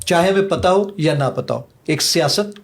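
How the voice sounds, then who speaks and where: High-pitched guy showing off his app on a podcast, eager salesy pitch, drops in english bits. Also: expressive. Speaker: app creator giving a demo. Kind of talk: podcast guest demonstrating an app.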